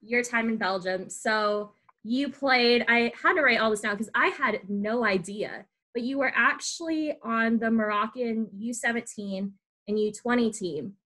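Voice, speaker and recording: Her voice is on the high side, a little slow and sharp in tone as this twenty-something podcast host conducts a laid-back interview. "Like" and "y'all" come up again and again.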